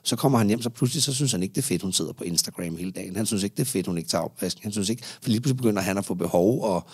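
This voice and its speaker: A man's voice: lowish voice, a little mellow, husky, dry recording, studio quality. A male psychotherapist in a casual podcast conversation, talking animatedly and restarting his sentences as he explains. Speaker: psychotherapist guest.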